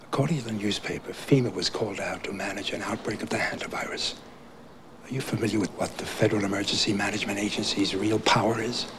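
A paranoid older conspiracy writer leans in with a low, hushed, urgent whisper. His voice sits fairly low. It comes through a worn videotape copy with a steady hiss. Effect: worn VHS tape copy.

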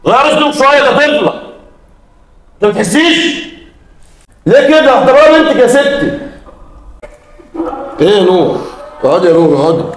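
Guy doing an egyptian neighbor uncle scolding nonstop, talks super fast, echoey room. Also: high voice, darkish tone, close to an everyday voice. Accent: Egyptian Arabic. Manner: lecturing, indignant. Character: scolding male neighbor uncle, stern and preachy. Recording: roomy echo.

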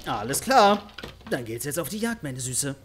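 A man's voice: mid-range voice, very animated, normal speed, a bit bright, slight background noise. A man giving playful, teasing let's-play commentary over a horror game, mock-taunting the characters he hunts. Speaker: gaming YouTuber.

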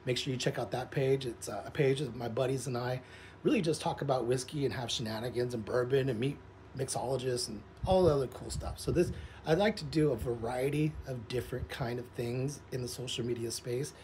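A man's voice: mid-range voice, a little fast, darkish tone. A man in his forties talking casually and in a rambling, informal way, as a vlogger speaking to camera outdoors. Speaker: vlogger, social media content creator. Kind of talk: casual vlog chat to camera. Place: outdoors, in a pool. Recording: clearly noisy outdoor ambience.

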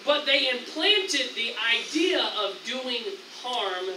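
A high, very bright-voiced American pastor preaching in a roomy church. The voice carries from some distance from the mic, with faint hiss beneath it. He preaches in an animated way, jumping into excited lines as he acts out tempters. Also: takes it slowly. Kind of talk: sermon. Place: church sanctuary.

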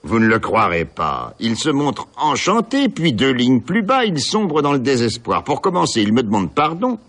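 A man's voice: mid-range voice, huge pitch swings, fairly bright tone. A man reading as a sneering cynical young man. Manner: mocking, laughing, quick shifts of tone. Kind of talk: dramatic reading of a novel.

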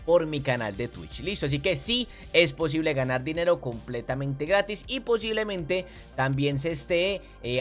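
Young male streamer, lively, higher voice, soft music under a desk-mic recording. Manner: animated, addresses viewers as family. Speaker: crypto YouTuber. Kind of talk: casual commentary over screen share. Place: small room at desk.

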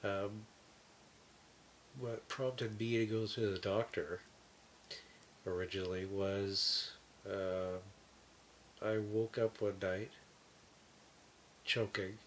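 A man talking from his bed through a breathing mask, his voice nasal and muffled, halting with many fillers. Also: lowish voice, fairly even intonation, a bit bright, a little hiss or hum. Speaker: vlogger. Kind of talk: casual talk to camera. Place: bedroom, lying in bed.

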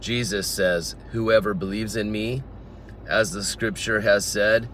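Man in his own voice, unhurried Bible teacher working through verses outdoors, bright tone, faint traffic behind. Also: on the low side, fairly even intonation. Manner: reads scripture aloud and explains it verse by verse. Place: outdoors in a garden.

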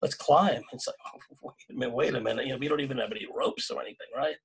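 A middle-aged man from California talks on a video-call panel from his home, in a gravelly, husky voice. He speaks earnestly and exhorts, often restarting his phrases and tacking "right?" onto points. The sound comes through a plain webcam mic. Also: medium pitch, racing, low-quality recording. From California, USA. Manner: earnest and exhorting, many restarts, tag questions.

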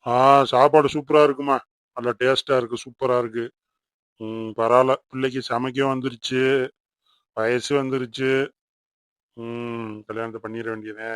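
A calm, placating cartoon father who speaks at an everyday pitch, as a man acts him out. He tries to settle the family's quarrels. The recording is dry and close. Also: normal speed, clean tone, no echo, lightly acted. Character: mild-mannered father, peacemaker. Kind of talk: Tamil cartoon voice acting.

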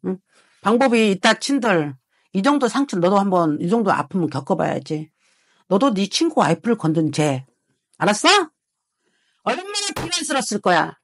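Husky woman fortune teller scolding harshly. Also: mid-range voice, sing-song, normal speed, no echo. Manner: harsh scolding with swearing and repeated rhetorical prods. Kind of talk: heated consultation with a client.

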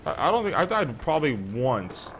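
A man's voice: mid-range voice, sing-song, moderate pace, background noise. A young man streaming an online survival game, chatting casually with teammates; he is sleepy, profane and trash-talking, and he rambles through stories.

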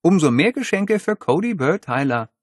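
Guy doing a super earnest polite schoolboy, kinda formal, bouncy and high. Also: very animated, moderate pace, no echo, clean studio sound.

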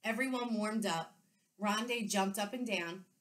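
A woman second-grade teacher reading a children's book aloud with clear, expressive storytelling. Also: mid-range voice, a little slow.

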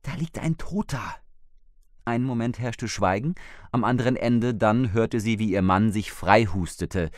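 Deep-voiced male audiobook reader. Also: fairly even intonation, normal speed, no room sound, clean studio sound. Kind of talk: scripted narration.

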